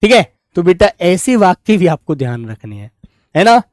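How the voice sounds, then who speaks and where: A man teaching an online grammar class, speaking slowly and repeating his points as he coaxes his pupils along. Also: high voice, sing-song, darkish tone, no room sound, clean studio sound. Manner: drawn-out, repetitive, coaxing tone toward pupils.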